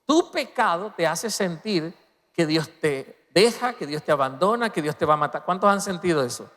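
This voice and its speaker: A man preaching a sermon as pastor, swinging between loud emphatic peaks and soft, low passages. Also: lively intonation, normal speed. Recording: long reverb of a large hall.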